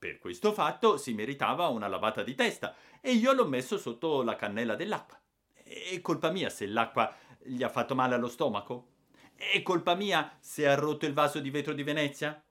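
A mischievous young boy pleads his case with loud indignation, as a male audiobook reader puts him on. The voice sits high and swoops a lot. He sounds wounded and defiant at once, like a storybook rascal. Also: expressive, normal speed, close to an everyday voice. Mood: indignant defiance. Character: cheeky young boy, defiant and self-pitying. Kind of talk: audiobook character voice.

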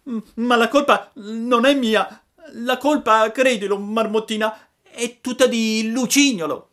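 A man doing a shrill, wailing puppet boy. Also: steady tone, a little slow. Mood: wailing, pleading. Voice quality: high, shrill and loud. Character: panicky wooden puppet boy, wailing and impulsive.

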